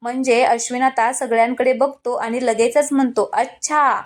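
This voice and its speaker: A woman's voice: on the high side, flat delivery, moderate pace, darkish tone. A woman casually retelling a TV serial episode in a chatty way, speaking straight to her viewers with frequent asides. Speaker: TV serial recap narrator. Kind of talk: casual storytelling recap.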